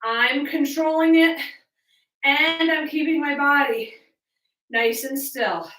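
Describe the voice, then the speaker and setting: A woman with a high, bright voice leads a workout from a little way off in an echoey room. She coaches in encouraging cues and counts, taking her time over the instructions. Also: slow. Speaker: fitness coach leading a home workout. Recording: roomy echo, distant from mic.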